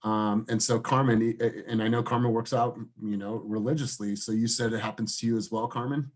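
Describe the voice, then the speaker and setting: A man's voice: medium pitch, steady tone, a little fast. A man leading a casual team meeting over a video call, calling on people by name and encouraging them. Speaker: team leader. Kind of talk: casual group meeting chat.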